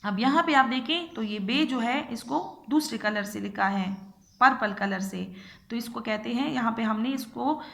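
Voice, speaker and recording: Slow, patient woman teacher with gravelly voice. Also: on the high side, a bit bright. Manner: slow, patient, repeats each phrase for pupils. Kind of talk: recorded lesson for young children.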